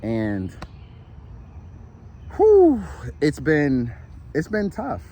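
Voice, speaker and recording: This man's voice is fairly high, warm and slightly rough, swinging hugely in pitch as he speaks very slowly; the highs sound cut off. A spiritual vlogger, he walks through the shade, weary and sweaty, offering a casual, earnest pep talk full of repetition, restarts and "right?"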